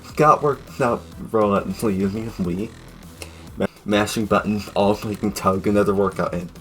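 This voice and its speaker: Low-voiced young man ranting about games. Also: steady tone, moderate pace, faint music behind. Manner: jokey, rambling, sudden loud outbursts. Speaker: fan reviewer. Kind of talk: casual video review narration.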